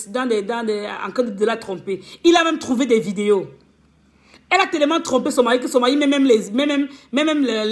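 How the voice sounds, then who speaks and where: High-voiced woman scolding on a livestream. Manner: scolding, with rhetorical questions and stammered repeats. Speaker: relationship coach. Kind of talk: impassioned live-stream rant.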